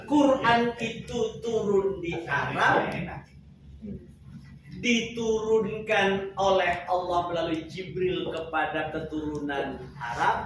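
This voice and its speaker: A man's voice: high-pitched, a bit bright. Echoey far-off man teaching Quran recitation. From Java. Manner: joking, asks students questions, chants verses slowly. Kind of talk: classroom teaching with chanted recitation. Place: classroom. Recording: echoey room from far off, background noise.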